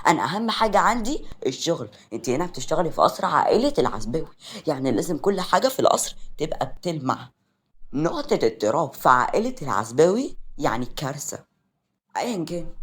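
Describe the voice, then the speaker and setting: A man's voice: a little high, fairly bright tone, slightly rough, heavily acted. A man voicing a strict, bossy head maid in an Egyptian accent, in a read-aloud story.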